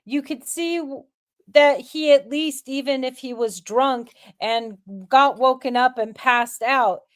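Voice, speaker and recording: A woman's voice: high-pitched, takes it slowly. A woman co-hosting a podcast, agreeing with her partner and chiming in with her own questions in casual chat. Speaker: podcast co-host. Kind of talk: casual discussion of scripture.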